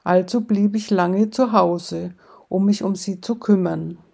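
A woman voicing a bewildered man retelling a strange morning at a bar, a bit louder than her narration. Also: medium pitch, fairly even intonation, unhurried, vocal fry, breathy edge. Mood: puzzled.

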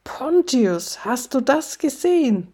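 A woman voicing the snobbish wife of a Roman governor, speaking in a high, haughty and dismissive tone. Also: very animated, slow, darkish tone, breathy edge, heavily acted.

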